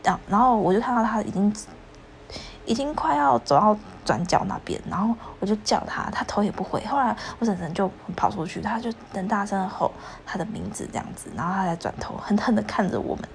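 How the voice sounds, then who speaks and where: A young woman co-hosting a podcast with her husband, telling a story in a lively way and pressing him to admit he was wrong. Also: medium pitch, fairly quick, creaky, slight background noise. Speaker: podcast co-host. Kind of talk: casual chat.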